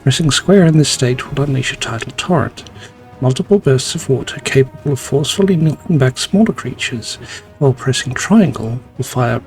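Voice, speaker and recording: A man reading scripted video game tutorial narration in a formal, measured, explanatory manner. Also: mid-range voice, lively intonation, darkish tone, faint music behind.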